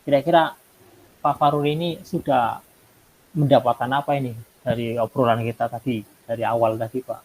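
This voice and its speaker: A man's voice: medium pitch, fairly even intonation, moderate pace, a little mellow, low-quality recording. A male teacher leads a coaching conversation in an easy, encouraging tone. He keeps affirming his colleague politely. A faint noise sits under the voice. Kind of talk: coaching role-play chat.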